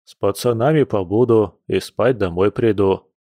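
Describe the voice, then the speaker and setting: A man voicing a relaxed, grumbling bear-shifter man. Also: lowish voice, normal speed, dry recording, clean studio sound, lightly acted. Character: easygoing grown grandson, bear-shifter man.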